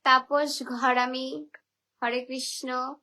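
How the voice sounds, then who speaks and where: A woman's voice: high voice, level tone, very slow, pushed and bright. A woman from the Barisal region of Bangladesh on a phone livestream, reading out viewers' names and answering their comments with teasing, chatty replies. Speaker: live streamer. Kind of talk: reading viewer comments on a live video call.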